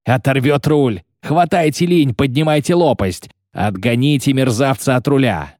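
A man voicing a frantic boat skipper who yells urgent orders to his crew. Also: medium pitch, moderate pace, no room sound, clean studio sound, voice pushed up, natural voice. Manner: shouting, urgent.

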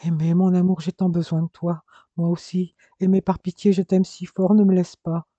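A man's voice: on the high side, fairly quick, dark tone, slightly rough, dry recording, dull audio. A man voicing a desperate young husband overcome with grief, crying out and pleading. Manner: pleading, sobbing outbursts.

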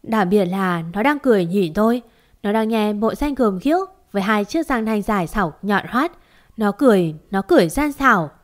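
A woman's voice: mid-range voice, normal speed. A woman telling a first-person horror story in a dramatic, tense way.

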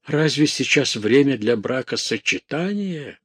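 A man reading an audiobook, voicing an old friar who speaks firmly and in measured words. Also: mid-range voice, animated, a bit bright, slightly rough, no room sound, clean studio sound, pitched above the performer's own voice. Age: older. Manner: firm, measured. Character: elderly friar, firm and solemn.

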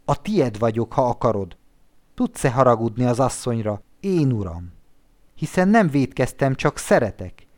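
A male audiobook narrator voicing a seductive woman in a nun's habit, pleading fervently and warmly. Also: mid-range voice, lively intonation, close to an everyday voice. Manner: warm, fervent, coaxing.

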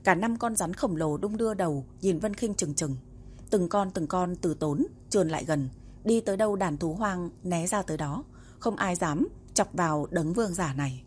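A woman narrating a martial-arts romance novel in a steady, even reading voice. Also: lowish voice, moderate pace, a little hiss or hum. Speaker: audiobook narrator. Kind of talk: storybook narration.

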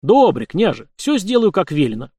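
A rowdy middle-aged Cossack uncle who roars his words in rough village speech, as a male reader puts him on. The voice is pushed high and loud, swinging wildly up and down. It is recorded close and dry. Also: big pitch swings, normal speed, no room sound, full character voice. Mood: agreeable. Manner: bellowing, rough folksy speech. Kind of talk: audiobook character voice.

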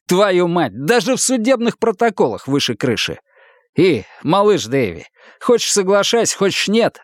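A man's voice: high voice, no room sound, clean studio sound, voice pushed up. A man voicing a brash, profane, pushy middle-aged ex-cop who talks in a coarse, swaggering way.

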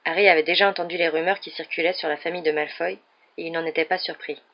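An audiobook reader giving steady scripted narration of a children's novel in a slightly muffled, lo-fi recording. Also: mid-range voice, fast.

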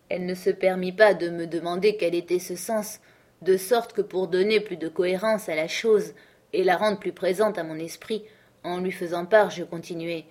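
A woman reading a classic novel aloud in a measured, composed narration. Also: lowish voice, a little mellow. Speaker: audiobook reader. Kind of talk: scripted narration.

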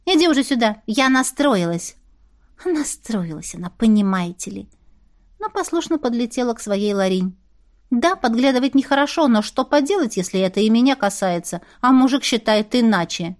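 A woman reading a first-person fantasy novel aloud in a wry, lively way. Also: fairly high pitch, moderate pace. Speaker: audiobook reader.

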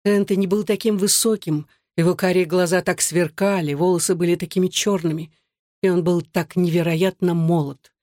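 Audiobook narrator, measured storytelling, dry close mic. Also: medium pitch, fairly even intonation, mellow, dry recording.

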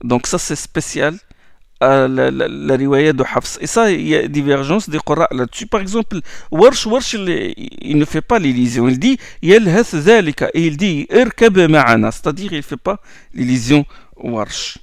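A man teaches recitation rules, switching between plain explanation and chanted verses. His voice sits a bit high and has a gravelly edge. The recording is dry and close, with no room sound. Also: animated, moderate pace, no echo. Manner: repeats words and restarts often while explaining. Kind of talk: classroom lesson on recitation rules.

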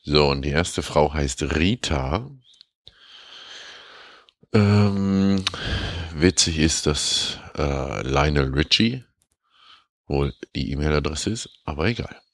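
Deep-voiced grumbling podcast man. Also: takes it slowly, pauses often, no echo. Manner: relaxed, grumbling, unprepared rambling. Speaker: podcast host. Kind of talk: podcast story reading and grumbling chat.

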